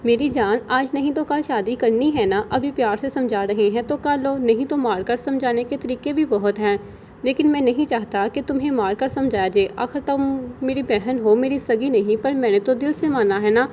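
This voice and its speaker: A woman's voice: on the high side, mellow, a little hiss or hum, lightly acted. A woman reading the lines of a cold, sarcastic young man who threatens his sister sweetly, in an audio novel. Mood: mocking. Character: cold mocking young man, cruel brother.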